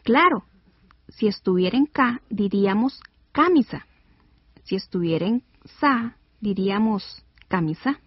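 Female radio lesson host, deliberate scripted delivery, husky edge, muffled old broadcast. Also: mid-range voice, no room sound. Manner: clear, deliberate, spells out words slowly. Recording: dull lo-fi radio recording.

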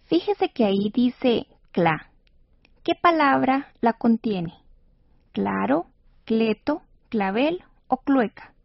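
A woman radio teacher guides a reading lesson in a patient, clear and encouraging way. Her voice sits a little high, and the recording is dry and somewhat dull, like an older studio broadcast. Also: animated, takes it slowly, no echo. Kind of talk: scripted educational radio lesson.

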